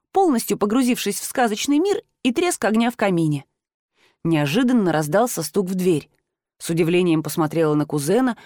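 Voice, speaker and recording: A woman reads a fantasy audiobook in the first person, with steady, measured storytelling. Her voice is of middle height for a woman and goes up brightly in the heroine's lines. The recording is close and very dry. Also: mid-range voice, dry recording. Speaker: audiobook narrator.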